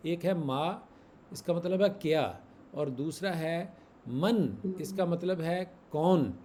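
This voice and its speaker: Speaking slowly, this man's voice is on the high side yet dark in tone, with slight background noise behind it. He is an Arabic grammar teacher running an online class, patiently repeating examples and quizzing the students.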